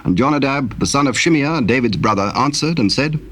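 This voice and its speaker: A male scripture narrator with a mid-pitched, husky voice. He reads archaic English as solemn, measured dramatic storytelling. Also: lively intonation, a bit bright.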